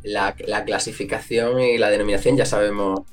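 Un hombre extremeño de voz algo grave habla muy deprisa, con acento extremeño y muletillas. Explica con entusiasmo como invitado de una entrevista, con una música tenue de fondo. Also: male voice, on the low side, soft background music. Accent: Extremaduran Spanish. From northwestern Cáceres, Extremadura. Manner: fast, animated explaining with many fillers. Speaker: guest, language content creator. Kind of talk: casual interview explanation.

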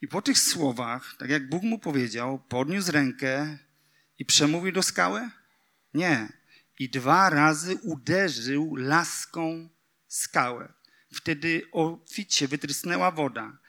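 A man preaching to his congregation with a high, bright, edgy voice and a gravelly rasp. He reads scripture aloud and speaks to his listeners directly, breaking into emphatic outbursts. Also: slow pace. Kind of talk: sermon.

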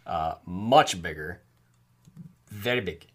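A man's voice: low voice, slow pace, a bit bright. A man, co-hosting a casual podcast chat, joking and laughing often. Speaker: podcast co-host.

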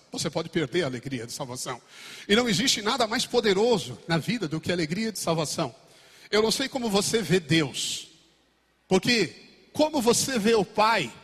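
A male pastor with a Brazilian Portuguese accent preaching a sermon, swinging between loud exclamations and quiet asides. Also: high-pitched, husky. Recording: echoey church hall.

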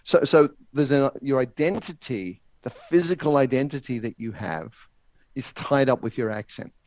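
A man's voice: mid-range voice, normal speed, a little mellow, no room sound. A man being interviewed as a language educator, telling anecdotes and explaining ideas, often checking in with "right?". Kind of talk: storytelling in conversation. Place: office in Hong Kong. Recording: dull, dry, lo-fi sound.

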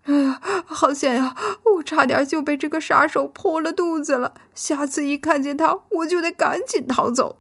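A woman voicing a timid young male golden beetle in a children's audio story, with fearful, excitable cries. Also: a little high, a little slow, hardly any pauses, breathy edge, heavily acted. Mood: shaken, pitiful.

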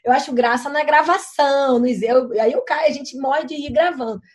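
A woman guest on a podcast, telling stories in an animated, chatty way and swearing now and then. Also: sits high, normal speed. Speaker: podcast guest, content creator. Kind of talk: casual chat.

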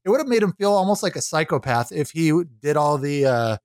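A man's voice: fairly high pitch, big pitch swings, fairly quick, clear, resonant tone, dry recording, clean studio sound. A man co-hosting a casual podcast chat about movies, enthusiastic and acting out quotes from scenes. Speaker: podcast co-host.

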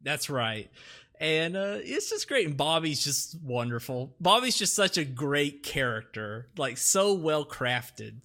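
A man's voice: a little high, sing-song, slow, pushed and bright. A young man hosting a casual podcast, rambling with lots of fillers and laughing often. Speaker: podcast host. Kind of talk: casual chat.

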